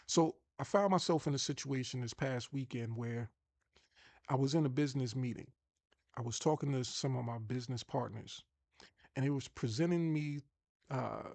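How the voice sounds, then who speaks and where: A man with a Long Island New York accent speaks to his viewers like a motivational coach, pressing his points hard and doubling back on words as he goes. His voice has a gravelly edge at a mid pitch. The sound is dry and close, with no room echo. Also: a little mellow. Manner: emphatic, restarts and repeats words. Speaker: online marketing coach.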